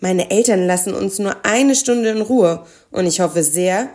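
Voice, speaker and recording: An earnest young boy from a storybook, speaking quickly and a little urgently in a raised voice, as a woman reads him. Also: medium pitch, a little mellow, close to an everyday voice. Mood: hurried.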